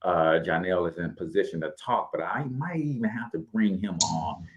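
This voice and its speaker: A man's voice: low-pitched, moderate pace, slight background noise. A man hosting a podcast, talking money in emphatic, punchy phrases with repetition and radio-style segues. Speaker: podcast host.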